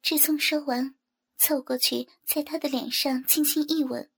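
High-voiced woman narrating a story. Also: steady tone, moderate pace. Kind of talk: scripted narration.

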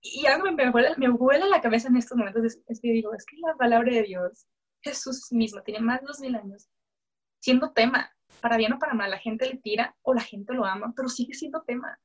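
A young woman with a slightly high voice shares a personal faith testimony in a relaxed, conversational way. She acts out what she once said to herself and keeps circling back with fillers and self-corrections. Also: brisk. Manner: animated storyteller who acts out her own past words. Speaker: guest sharing a faith testimony.

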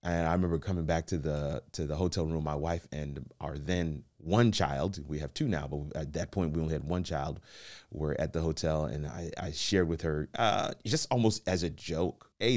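Deep-voiced man telling a motivational story. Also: brisk. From United States. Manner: storytelling, animated quoted dialogue. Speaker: motivational speaker. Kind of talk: casual motivational talk.

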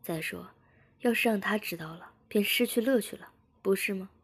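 Brief: assured teasing master, hushed and husky, whispered role-play, read by a woman. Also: mid-range voice, moderate pace. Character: calm commanding man, the master.

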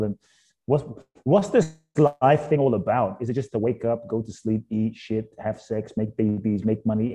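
A man, talking as a guest in an interview. His voice is low and very dark and mellow. He tells his story reflectively, building up to emphatic questions. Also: breathy edge. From England. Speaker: guest, author and speaker.

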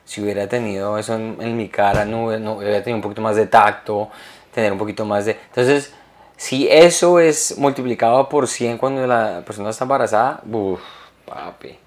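A young man with a lowish voice co-hosts a relaxed comedy podcast. He talks in a wry, teasing way and keeps chiming in with quick agreement. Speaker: podcast co-host. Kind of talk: casual comedic chat.

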